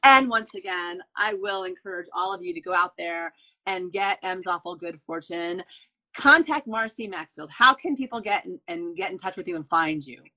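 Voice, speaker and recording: This podcast host, a woman with a fairly low, sharp-toned voice, wraps up an author interview at a moderate pace and with lots of expression. She gushes effusively and often repeats her phrases. The audio quality is poor.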